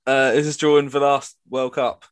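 A man's voice: mid-range voice, flat delivery, moderate pace, smooth. A man co-hosting a casual podcast, telling easygoing anecdotes and laughing a lot. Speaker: podcast co-host.

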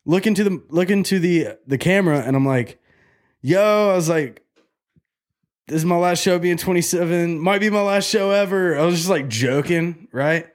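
On his podcast, a twenty-something man with a higher voice tells a long story at normal speed. The chat is casual and joking, and he swears without restraint.

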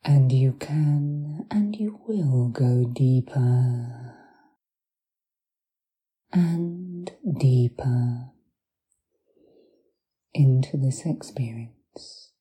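Female hypnotherapist for guided relaxation: deeply mellow, soft and breathy, half-whispered, very unhurried and soothing. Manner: soothing, deliberate, long pauses between short phrases.

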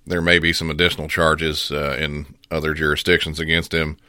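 A man's voice: extremely low pitch, level tone, brisk, pushed and bright, no echo, clean studio sound. A man hosting with casual, conversational commentary. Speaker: host reviewing police pursuits.

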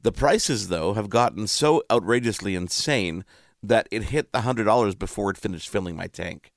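Chatty low-voiced male radio host. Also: expressive, normal speed, dry recording, studio quality. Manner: chatty, self-interrupting, playful. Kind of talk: casual chat.

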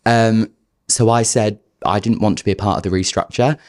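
Brief: man, podcast guest, low-pitched, lively storyteller who voices his past self. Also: normal speed. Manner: animated, acts out his past self in quotes. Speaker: podcast guest, performance coach. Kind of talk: candid storytelling interview.

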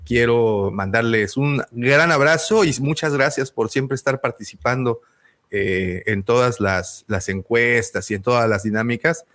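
A man's voice: mid-range voice, unhurried, a bit bright. A man with a Mexican Spanish accent hosting a casual podcast, talking in a rambling way full of fillers and restarts. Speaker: podcast host.

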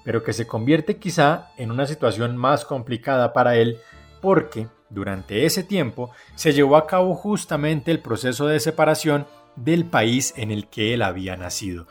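A man hosting and narrating a documentary segment in a measured, explanatory way. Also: mid-range voice, expressive, faint music behind. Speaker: program host and narrator.

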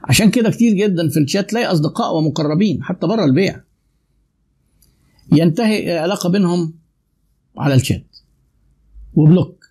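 Fast-talking gravelly Egyptian man teaching. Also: high voice, expressive, a little mellow. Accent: Egyptian Arabic. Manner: asks the audience rhetorical questions and answers them. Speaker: sales trainer. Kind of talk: spoken lecture on sales communication.

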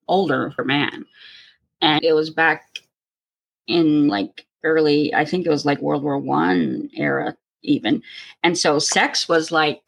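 A woman's voice: low-pitched, vocal fry, a bit bright, breathy edge, low-quality recording. A woman chatting casually, telling a reflective story. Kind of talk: casual chat.

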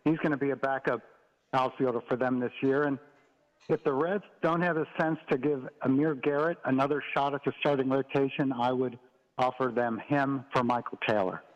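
A man's voice: mid-range voice, steady tone, normal speed. Male caller on a muffled cell phone. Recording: muffled cell call, reverberant.

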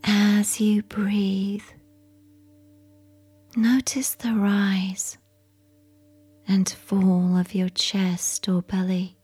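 Female narrator, soft ASMR whisper for a sleep story, slow and mellow, a bit breathy. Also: medium pitch, level tone, faint music behind.

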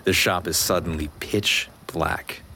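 A deep-voiced American biker. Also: male voice, fairly even intonation, unhurried, pushed and bright, a little hiss or hum, exaggerated voice. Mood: intimate narration.

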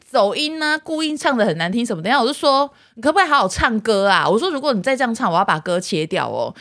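A woman's voice: fairly high pitch, quick pace. A woman with a Taiwanese Mandarin accent, co-hosting a casual chat and telling stories about her husband with laughter in her voice. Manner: expressive, laughing storyteller. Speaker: podcast co-host.

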